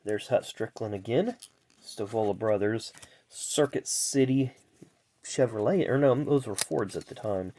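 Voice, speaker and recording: A man's voice: fairly low pitch, warm tone. A man with a stuffed-up, nasal voice gives chatty, casual commentary as a video host, reeling off names and adding asides. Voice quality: nasal, congested, blocked nose. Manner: chatty, reels off names then adds asides. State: stuffed-up sinuses. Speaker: host of a racing trading card pack-opening video.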